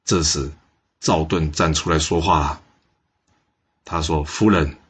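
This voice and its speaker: A man's voice: a bass voice, steady tone, a little slow, husky. A man telling a history story in a chatty way, often putting questions to the listener.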